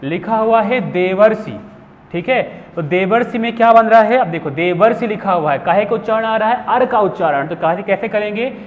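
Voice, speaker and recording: A man's voice: high voice, lively intonation, moderate pace. A young man teaching Hindi grammar in a classroom lesson, asking questions and answering them himself. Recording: phone-like hall echo with faint hiss.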